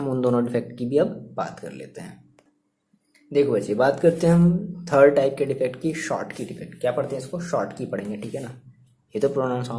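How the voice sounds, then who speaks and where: A man's voice: medium pitch, warm tone. A young man teaching an online chemistry lesson in a chatty way, asking and answering his own questions and repeating points. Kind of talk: online class lecture.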